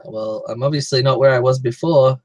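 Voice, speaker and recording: A man's voice: mid-range voice, fairly even intonation, fairly quick, dry recording. A man playing a tabletop role-playing game, speaking casually both as himself and in character.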